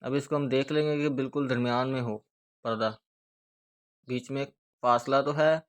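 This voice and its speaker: A man with a Pakistani Urdu accent giving a hands-on speaker repair tutorial, explaining each step steadily as he works. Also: mid-range voice. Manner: steady, repetitive explaining while working with hands.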